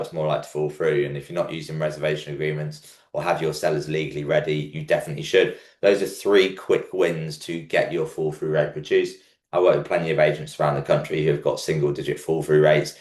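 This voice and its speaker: A man with a croaky, under-the-weather frog in his throat, presenting a market update as host. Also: rumbling low, a little mellow. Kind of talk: scripted-outline market commentary presentation. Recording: echoey room.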